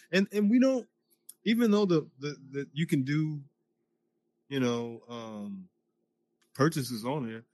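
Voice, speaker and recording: A man's voice: medium pitch, a little mellow, dry recording. A man from the United States, a podcast guest, chatting casually and emphatically through a VR headset mic in a virtual space. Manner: emphatic, talks loosely with fillers. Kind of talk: casual chat. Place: virtual reality social space.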